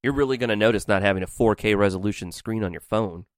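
Low-voiced joking man, casual chat. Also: fast, no echo, clean studio sound. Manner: profane, joking, laughs often. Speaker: podcast co-host.

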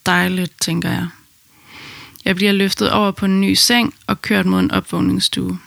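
A woman tells her own story in a calm, intimate way. Her mid-pitched voice is heavily gravelly with vocal fry, and the recording is dry and close, with no room sound. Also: dry recording. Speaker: narrator of her birth story. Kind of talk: first-person personal narration.

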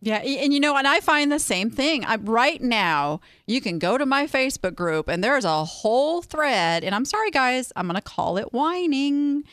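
A woman hosting a casual interview chat, animated and given to sarcastic asides. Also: high-pitched, moderate pace, hardly any pauses, dry recording, studio quality. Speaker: podcast host.

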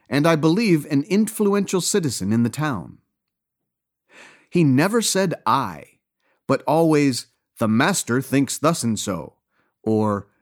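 Male narrator, slightly high, very animated delivery, dry wit. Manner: wry, gently ironic storytelling. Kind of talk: scripted storybook narration.

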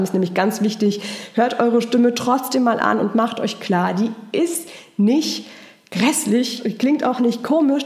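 A woman's voice: a little high, a little mellow, roomy sound. A woman voice and charisma trainer, coaching live and answering viewer comments in an encouraging, patient way. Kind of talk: live-stream coaching talk.

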